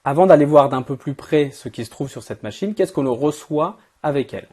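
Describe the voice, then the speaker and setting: A man hosting a product review, talking informally and directly to the viewer in a strained, worn-out voice that is giving out, hoarse from a cold. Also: a little high, lively intonation, brisk, dark tone. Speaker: host of an event-equipment channel.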